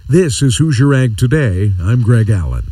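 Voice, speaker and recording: A man's voice: medium pitch, sing-song, moderate pace, dark tone, husky, dry recording, clean studio sound, distant mic. An American man reading a scripted agricultural news report for radio.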